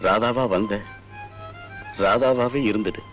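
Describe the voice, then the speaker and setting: A man's voice: on the low side, slow, soft background music. An actor playing an ailing older father-in-law who speaks in an earnest, pleading way. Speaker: head of the family, father-in-law. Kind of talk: film drama acting.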